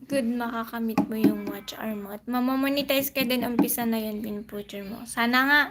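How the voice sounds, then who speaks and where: A woman's voice: a little high, fairly even intonation, normal speed, noisy background. A woman casually chatting on her live stream, greeting viewers by name and answering their comments with light laughs.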